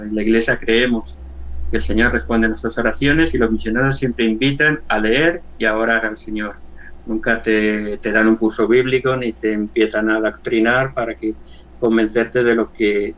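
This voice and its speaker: Earnest older Spanish man, halting. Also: medium pitch, dull audio. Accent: Spain Spanish. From Valencia, Spain. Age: 60s. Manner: earnest, halting, often repeats words. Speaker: interview guest, church member. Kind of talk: personal testimony in an interview.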